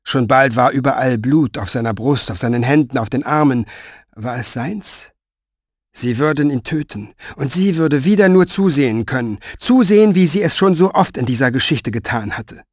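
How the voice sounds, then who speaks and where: A man narrates a story with measured, dramatic delivery. His voice sits at a middle pitch. The recording is close-miked and very dry. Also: lively intonation, no room sound. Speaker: audiobook narrator. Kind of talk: scripted audiobook narration.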